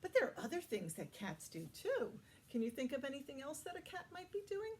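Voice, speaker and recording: High-voiced woman leading toddler story time. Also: huge pitch swings, brisk, a little hiss or hum. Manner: encouraging, simple phrases with questions and praise for children. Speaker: children's librarian hosting toddler story time. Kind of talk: children's story time presentation, addressing toddlers.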